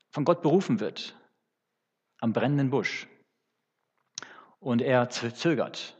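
Man, preacher, husky voice, unscripted teaching sermon, frequent fillers, dull muffled recording. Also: medium pitch. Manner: unscripted, halting with fillers and restarts. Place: church hall. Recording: dull sound with long church reverb.

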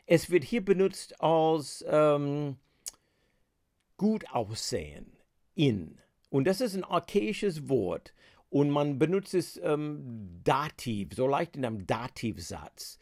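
A man's voice: on the high side, very animated, slow, vocal fry, darkish tone, no room sound, clean studio sound. A man hosting a podcast language lesson, explaining words patiently with many hesitant fillers. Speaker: podcast host teaching English. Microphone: podcast microphone.

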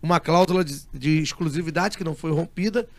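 A man speaks very quickly in a slightly high, gravelly voice. He is a guest in an interview, telling a long story with lively energy and acting out each quoted line in turn. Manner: animated storyteller who acts out quoted dialogue. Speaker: interview guest, music producer.

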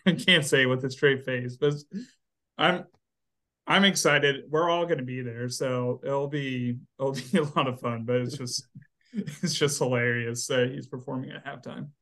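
A man with a drawl co-hosts a relaxed football podcast. He keeps things loose and chatty, breaking into laughs as he talks. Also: medium pitch, unhurried. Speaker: podcast co-host. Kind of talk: casual sports chat.

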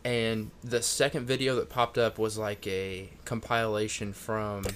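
A man's voice: fairly low pitch, unhurried, slight background noise. Laid-back man telling a story. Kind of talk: casual storytelling chat.

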